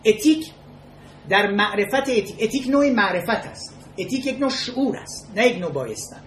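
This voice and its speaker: A lecturer giving a spoken talk on ethics and telling illustrative stories, speaking in a measured, halting way, pausing between phrases and restating key words. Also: mid-range voice, expressive, a bit bright. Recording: echoey room with faint noise.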